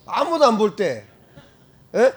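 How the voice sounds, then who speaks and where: A male pastor preaching an animated sermon, breaking into loud shouted exclamations and frequent laughter. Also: high voice, takes it slowly, husky.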